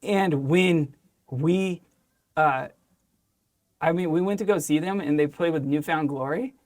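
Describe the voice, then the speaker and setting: A man's voice: on the high side, a little slow. A middle-aged man hosting a podcast, telling stories in casual chat and laughing often. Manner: laughing, excitable storyteller. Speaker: podcast host.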